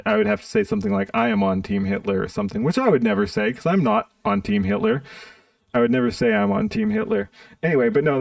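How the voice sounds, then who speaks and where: A man's voice: sits high, gravelly, dry recording, distant mic. A man streaming live, ranting bluntly and profanely in an exasperated tone. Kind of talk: live-stream commentary rant.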